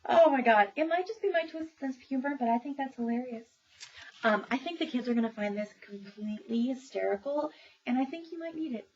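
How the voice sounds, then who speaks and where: Chatty woman librarian with gravelly voice. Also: sits high, expressive, a little fast, darkish tone. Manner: chatty, informal, laughs often, many fillers. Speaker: public librarian. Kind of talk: casual book review. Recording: dull lo-fi recording with faint noise.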